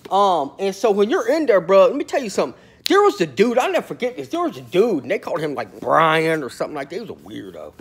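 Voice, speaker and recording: Husky, animated male prison storyteller. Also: sits high, fast. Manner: animated, swings loud and soft, slangy with constant "bro". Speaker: storyteller about prison life. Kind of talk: comedic storytelling monologue.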